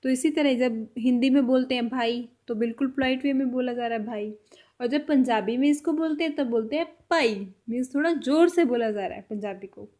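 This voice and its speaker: Saying every word and then repeating it, a woman teaches a vocabulary lesson as a language teacher. Her high-pitched voice moves a little fast with hardly any pauses, and it trails off softly at the ends of phrases.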